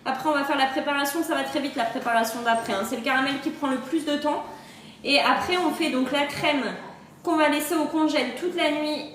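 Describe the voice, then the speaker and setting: With a brisk, fairly bright voice that sits high, this woman fields livestream comments in a casual, cheerful way, often breaking into laughter. She works as a kitchen-appliance sales adviser and is recording on holiday in an echoey spot, giving a reverberant sound with a little hiss or hum.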